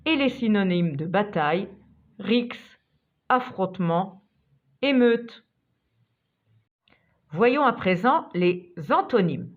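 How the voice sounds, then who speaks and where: A woman narrating a scripted vocabulary lesson as a teacher, reading out examples one by one in a measured way. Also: mid-range voice, lively intonation. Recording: tinny phone-like sound.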